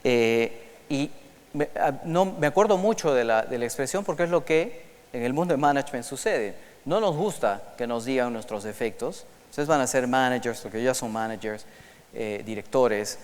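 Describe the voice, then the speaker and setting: Animated man lecturing in an auditorium. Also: mid-range voice, normal speed. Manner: animated, asks the audience questions, switches into English for quotes. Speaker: conference speaker. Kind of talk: lecture to an audience. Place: large auditorium. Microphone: microphone. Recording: long hall reverb in an auditorium.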